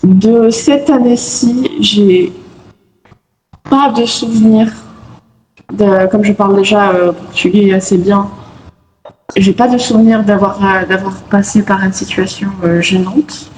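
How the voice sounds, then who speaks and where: A woman's voice: mid-range voice, steady tone, measured pace, a little mellow. A young woman from France, a student guest in a casual interview, explaining her views in a reflective, thorough way. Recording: echoey room, faint noise.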